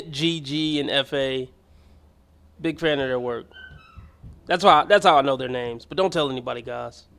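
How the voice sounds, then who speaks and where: A man's voice: medium pitch, moderate pace, creaky, pauses often, a bit bright. A man hosting a livestream, rambling through casual, slangy chat with his audience and laughing as he goes. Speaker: livestream host. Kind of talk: casual chat reacting to chat and a clip.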